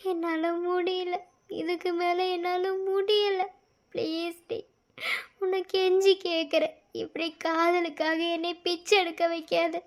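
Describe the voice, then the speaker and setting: A woman doing a young man in a cartoon romance, insistent and pleading with the girl he loves. The voice sits fairly high but barely rises or falls, holding one earnest, teary register throughout. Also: natural voice. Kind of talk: cartoon love-story voice acting.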